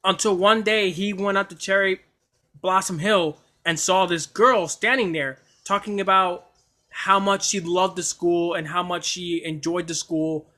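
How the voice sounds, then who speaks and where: A man talks to his livestream chat in a high, bright voice, tripping over his words as he gushes. He keeps restarting sentences and apologizing for being overexcited, in a loose, casual way. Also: measured pace. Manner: excitable, stammering, apologetic. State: coughing at times. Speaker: anime streamer.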